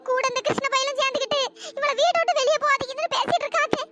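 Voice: fairly even intonation, very fast. A voice actor doing a wailing cartoon mother. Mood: distressed. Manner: wailing, self-reproaching. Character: worried middle-aged mother, lamenting. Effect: pitch-shifted voice. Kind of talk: cartoon storytelling dialogue. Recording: loud background noise.

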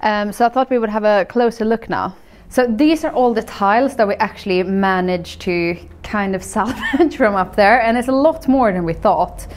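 A woman's voice: medium pitch, normal speed. Upbeat young woman vlog host. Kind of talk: casual vlog presenting to camera. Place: bare farmhouse room.

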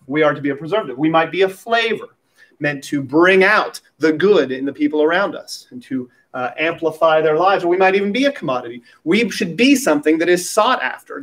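A man's voice: fairly high pitch, fairly bright tone. Man preaching at a pulpit microphone. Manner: conversational preaching with light humorous asides. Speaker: pastor. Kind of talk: sermon.

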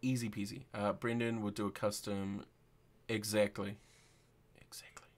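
A man's voice: on the low side, little pitch movement, normal speed. A young man hosting a casual, informal livestream chat. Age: young adult. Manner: informal, sweary. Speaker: host. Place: indoor room, livestream video call.

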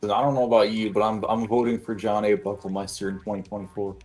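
A man chatting casually with a friend while playing a game, relaxed and a bit hesitant. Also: fairly low pitch, quick pace, soft background music. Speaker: co-player.

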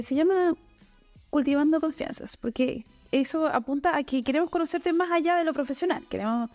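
A woman's voice: high voice, a little mellow. A woman in her forties hosting an office studio interview, chatty and encouraging with her guest. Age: 40s. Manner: chatty, encouraging, laughs easily. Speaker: podcast host. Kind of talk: casual interview chat. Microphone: desk boom mic.

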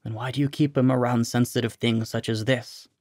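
A composed government clerk, as a male narrator voices him speaks in an even, careful tone. The voice keeps close to the narrator's own natural pitch, with a gravelly texture and dry, close sound. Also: no echo, natural voice. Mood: measured. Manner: even, measured tone.

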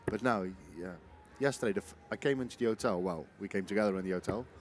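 A man's voice: fairly low pitch, quick pace. A man giving chatty live commentary on darts as one of two commentators. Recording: faint venue noise behind.

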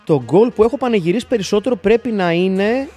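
A man telling stories as an interview guest, rambling and correcting himself, and growing loud and animated when excited. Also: high voice, loud music behind the voice. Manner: rambling, with frequent self-corrections and restarts. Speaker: interview guest, football fan. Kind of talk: casual anecdotal storytelling. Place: seated in an armchair in a studio.

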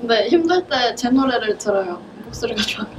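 A woman in her twenties chatting casually and politely as an interview guest, quick to giggle. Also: on the high side, animated, very noisy. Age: 20s. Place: indoor rehearsal room with drum kit. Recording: distant mic, music behind.

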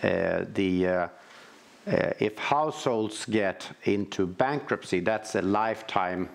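A middle-aged man speaking as a financial supervisor on a conference panel, halting often with restarts and repeated words. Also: fairly low pitch, vocal fry. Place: large auditorium stage with audience.

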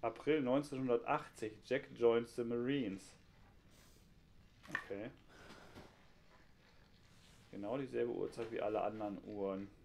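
A man's voice: mid-range voice, fairly even intonation, measured pace, gravelly, long pauses, a little mellow, a little hiss or hum. A man giving casual, joking running commentary while playing a horror game, recorded at home on a headset. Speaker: gameplay commentator. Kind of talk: casual let's-play chat.

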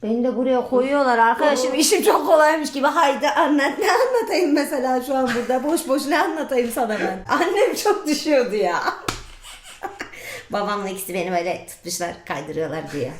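A woman's voice: high-pitched, animated, brisk, slight background noise. Chatty young-sounding woman, roomy echo. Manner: chatty, crude, laughs often. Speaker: vlogger. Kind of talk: casual storytelling vlog.

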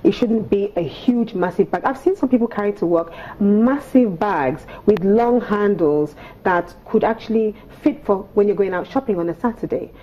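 An animated, medium-pitched woman in her thirties with a Nigerian accent, appearing as an etiquette coach on a TV morning show's sofa set, explains things in a prim, precise and instructive way. She keeps a moderate pace with hardly any pauses, and the muffled recording carries a little hiss or hum.

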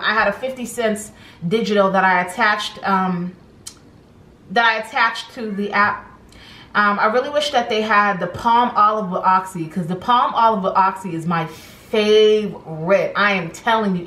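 A woman's voice: medium pitch, fairly bright tone, reverberant, rough recording. A young woman vlogger chatting casually at home in her kitchen, rambling with lots of "um" and "like" as she goes. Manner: chatty, rambling, many fillers. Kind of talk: casual grocery haul chat. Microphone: camera on table in front.

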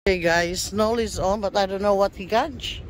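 Filming her seaside pier fishing trip on a handheld phone, a woman narrates in a medium-pitched voice over slight background noise. Her talk is chatty, full of laughter, and slow and simple in phrasing.

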